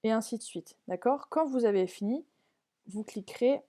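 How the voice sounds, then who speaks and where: A woman's voice: fairly high pitch, normal speed, warm tone. A woman primary school teacher walking parents and pupils through a learning app on screen, step by step, patiently checking that they follow.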